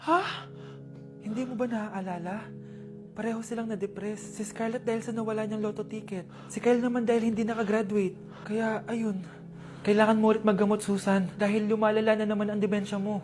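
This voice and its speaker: Woman voicing a grave, measured doctor. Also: mid-range voice, level tone, over music, natural voice. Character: calm grave middle-aged doctor.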